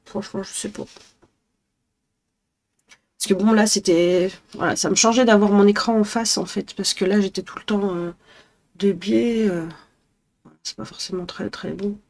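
Filming a casual vlog at home in her apartment, this young northern French vlogger talks in a mid-range, fairly even voice with a darkish tone. She speaks at normal speed but leaves long pauses, wandering and hesitating with many fillers in her northern French accent.

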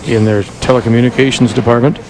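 Talking fast with fairly even intonation, a mid-range male voice handles play-by-play for televised bowling. He keeps it conversational and full of asides, while the broadcast carries crowd noise.

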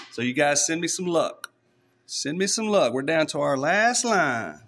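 A man with an East Texas accent and a fairly high, slightly bright voice scratches lottery tickets. He chats casually and speaks directly to his followers, giving a relaxed play-by-play in vlog style.

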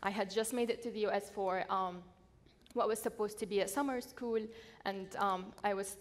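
Young woman from Syria on a panel. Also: medium pitch. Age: young adult. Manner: earnest, steady with filler pauses. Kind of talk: personal testimony on a panel. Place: large conference hall stage. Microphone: headset mic. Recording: long hall reverb, faint noise.

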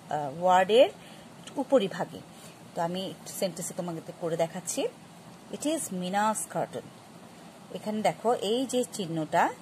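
A woman teaches a grammar lesson in a somewhat low voice. She explains patiently, stopping and restarting often. Faint noise sits behind her. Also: a little mellow, low-quality recording. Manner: explains slowly with many fillers and restarts; patient, addresses students directly. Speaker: English teacher.

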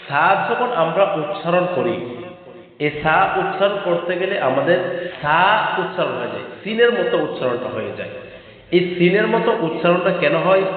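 A man with a Bangladeshi Bengali accent teaching a Quran reading lesson, chanting the letter drills slowly in a sing-song way. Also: a little high. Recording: echoey, tinny phone-like audio.

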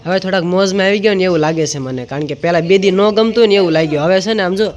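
A man's voice: high-pitched, very fast. Chatty Kathiawadi-accented man vlogging. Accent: Kathiawadi Gujarati. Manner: chatty, teasing a small child. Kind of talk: casual family vlog chat.

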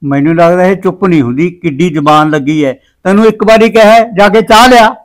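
A man's voice: on the high side, fast, natural voice. A man acting a middle-aged village husband and father in a family drama, blunt and proud, with a Punjabi accent. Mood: irritated.

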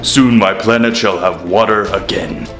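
Slow, menacing alien villain played by a man, echoing. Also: fairly low pitch, fairly even intonation, natural voice. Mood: gloating menace. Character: male alien villain tyrant, gloating and grandiose. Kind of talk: scripted animated superhero villain acting. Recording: echoing voice under loud music.

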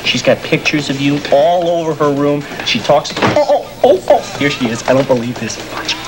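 A man's voice: fairly high pitch, lively intonation, moderate pace, noisy background. A young man chatting at a cafe counter in a 1970s TV sketch comedy. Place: TV studio set of a cafe.

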